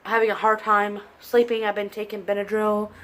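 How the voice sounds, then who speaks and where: Sounding stuffed up, this southern Indiana woman rambles through a casual vlog about her pregnancy, self-deprecating as she talks to a camera on a desk in front of her. The setting is her living room indoors, and her mid-range voice stays level, a touch bright, at an unhurried pace.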